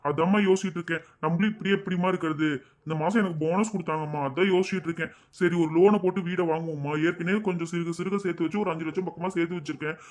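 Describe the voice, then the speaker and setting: Man playing a kind, earnest young son, quick delivery. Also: a little high, close to an everyday voice. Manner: soothing, earnest. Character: young working son, mid-twenties, responsible and kind.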